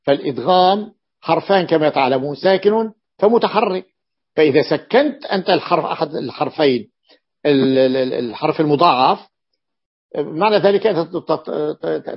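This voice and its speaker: A man's voice: fairly high pitch, moderate pace, husky, muffled recording. A man teaching Arabic morphology to a class, explaining a classical text, repeating each example and checking that students follow.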